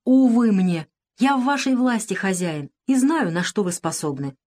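A woman reading the part of a gentle, devout young enslaved woman in an audiobook, with a tremulous, pleading delivery. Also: medium pitch, animated, normal speed, natural voice.

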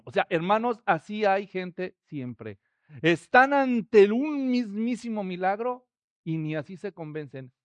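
A man preaching a sermon, expressive and rising to loud, emphatic quotes. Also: sits high, no echo.

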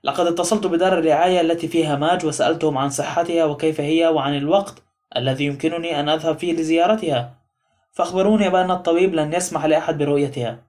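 A man's voice: a little high, fairly even intonation, very fast, darkish tone, close to an everyday voice. A man reading the part of an indignant young sailor in an audiobook, speaking bluntly and angrily. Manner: angry, blunt.

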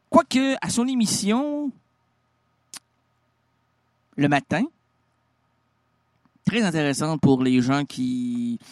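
A man with a Québécois accent doing an absurd comic radio monologue, excitable and rambling, stumbling over words as his pitch swings wildly. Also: dry recording, clean studio sound. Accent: Québécois French.

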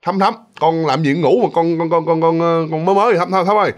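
A man's voice: on the high side, fast, close to an everyday voice. A man voicing a kindly fifty-year-old woman who owns a restaurant, talking in a motherly, coaxing way.

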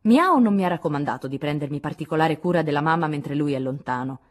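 A woman voicing a bold, tomboyish teenage girl in an audiobook, speaking loudly and emphatically. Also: low-pitched, expressive, quick pace. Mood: forceful. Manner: loud and emphatic.

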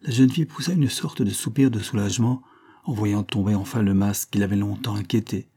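A man reading a novel aloud as narrator, measured and expressive. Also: on the low side, slightly rough. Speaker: audiobook reader.

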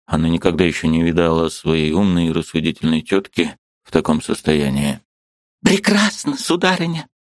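A man narrating a classic novel as an audiobook, expressive and measured. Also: rumbling low, dry recording, clean studio sound.

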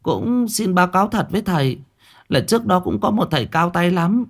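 A nosy village woman wails her way through a spoken ghost story, her high voice leaping up and down in a sing-song lament, as a man puts her on. She is theatrical and crude. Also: animated, fairly quick. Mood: fawning, chatty.

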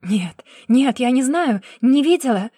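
A woman's voice: on the high side, moderate pace, a little mellow, no echo, studio quality, natural voice. A woman voicing a desperate young pregnant wife who pleads that she is innocent. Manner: pleading, breathless protests.

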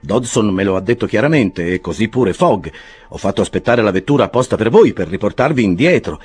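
A man reading an audiobook, voicing a smug young law clerk with falsely polite, drawn-out phrasing. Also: fairly low pitch, lively intonation, darkish tone, husky, pitched above the performer's own voice.

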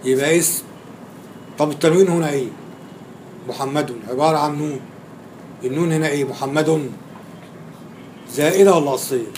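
A man's voice: fairly high pitch, a little fast, pauses often, a little mellow, a little hiss or hum. A man with an Egyptian Arabic accent lecturing on grammar in a classroom, quizzing his students and repeating key words for emphasis.

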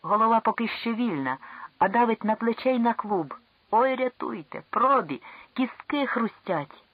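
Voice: mid-range voice, lively intonation, normal speed, dry recording, narrow, tinny audio, pitched above the performer's own voice, lightly acted. A reader voicing a desperate trapped young man. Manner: raised, urgent pleading. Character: young man, eager then trapped and terrified. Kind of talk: audiobook character reading.

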